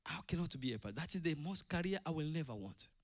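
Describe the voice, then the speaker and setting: This Rwandan man, middle-aged and preaching as a pastor, talks fast with a fairly high, expressive voice. His impassioned sermon is emphatic and full of repetition, moving from hushed asides to booming declamation.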